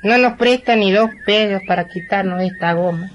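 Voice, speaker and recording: A man's voice: sits high, normal speed, lo-fi sound, slight background noise, close to an everyday voice. A man playing a sly, hungover drunk who wheedles for a loan in a radio comedy sketch. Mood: mock sweet. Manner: wheedling, joking.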